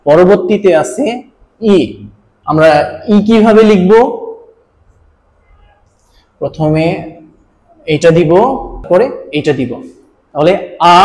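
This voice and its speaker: A man's voice: sits high, darkish tone. A man from Bangladesh teaching a Japanese language lesson, explaining patiently step by step and repeating key points. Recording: roomy echo.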